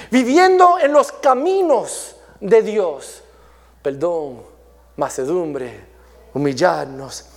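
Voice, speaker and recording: High-voiced man preaching slowly. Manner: earnest, with stammered restarts; swings between raised and hushed delivery. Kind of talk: sermon.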